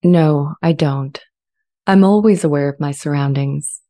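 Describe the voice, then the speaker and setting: Recorded up close on a large studio condenser, this dramatized transcript reading features a woman playing a sentient AI. Her low, mellow voice has soft edges, and she speaks in calm, measured, gentle phrases that feel serene and reflective.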